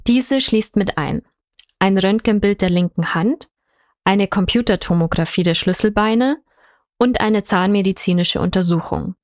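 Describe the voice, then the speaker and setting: A woman narrating a report in a calm, explanatory way. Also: medium pitch, unhurried, no echo, studio quality. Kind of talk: scripted narration.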